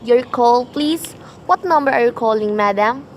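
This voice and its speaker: A woman's voice: a little high, normal speed, a little hiss or hum, close to an everyday voice. A woman acting as a detached, businesslike telephone operator in a radio play, clipped and impersonal. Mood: impersonal, brisk.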